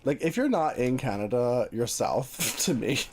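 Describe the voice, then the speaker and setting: An American man chatting casually as a livestream host while gaming, with an animated, conversational manner. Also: mid-range voice, a little slow, a little hiss or hum. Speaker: live streamer host.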